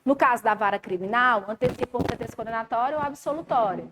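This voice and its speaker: Brazilian woman teaching law to a class, high voice, chatty, noisy room. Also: fast talker. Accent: Brazilian Portuguese. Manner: lively and chatty, talks to students directly. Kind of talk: live classroom lecture.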